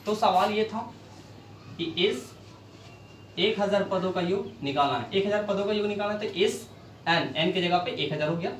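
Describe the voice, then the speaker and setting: A man's voice: high-pitched, moderate pace, pauses often. A man teaching a maths lesson, asking questions and answering them himself as he works problems on a board. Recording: echoey room, mic far off, faint noise.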